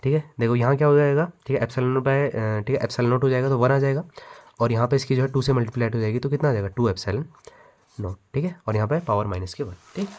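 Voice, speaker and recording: A man teaching a physics problem step by step while he writes, often checking that the students follow. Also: mid-range voice. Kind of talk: step-by-step math lesson over handwritten notes.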